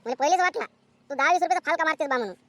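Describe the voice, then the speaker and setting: A woman voicing a sharp-tongued, nagging village mother in a cartoon comedy. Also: high-pitched, no room sound. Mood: scolding. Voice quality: nagging, scolding, rapid-fire.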